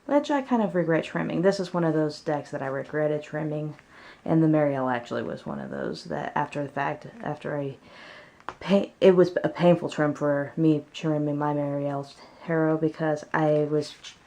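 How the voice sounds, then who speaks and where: A woman's voice: low-pitched, moderate pace, creaky, warm tone. A woman chatting casually at home as she presents her favorites in a vlog. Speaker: tarot deck reviewer.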